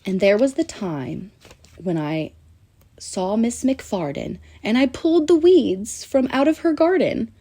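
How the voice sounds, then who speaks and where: With a somewhat high voice, a woman reads aloud from a rhyming children's picture book. She tells it in an animated, lilting way, pausing deliberately.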